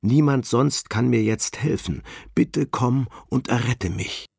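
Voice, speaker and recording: A man's voice: mid-range voice, slow, gravelly, a little mellow, breathy edge, no echo, studio quality, pitched above the performer's own voice, full character voice. A man voicing a desperate male climber who pleads with God for rescue. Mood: pleading. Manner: pleading, urgent.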